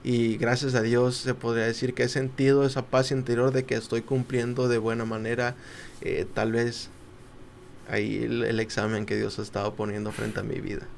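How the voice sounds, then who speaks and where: A young man tells a personal story on a podcast, at a middle pitch. He acts out the voices of the people he quotes and falls quiet at the tender parts. Faint background noise runs beneath the talk. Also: flat delivery, moderate pace, vocal fry. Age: young adult. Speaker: podcast guest. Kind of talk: casual storytelling.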